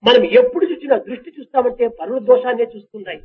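A man's voice: very high-pitched, very fast, narrow, tinny audio. A man giving a spiritual discourse, preaching in rhythmic phrases that rise into exclamations. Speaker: spiritual speaker. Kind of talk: Telugu discourse.

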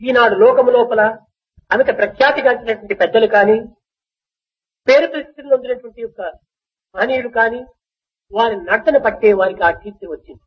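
A man's voice: very high voice, fairly quick, pauses often, highs cut off. A man giving a spiritual discourse, preaching in rhythmic phrases that rise into exclamations. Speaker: spiritual speaker. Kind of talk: Telugu discourse.

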